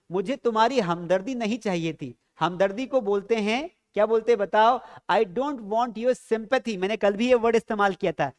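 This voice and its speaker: A man teaching a spoken English lesson, explaining patiently, asking the viewers questions and drilling pronunciation. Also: high-pitched.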